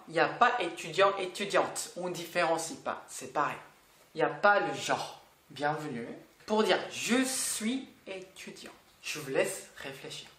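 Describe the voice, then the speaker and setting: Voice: mid-range voice, a bit bright, echoey room. A language teacher giving a patient online lesson, repeating words and asking the learner questions.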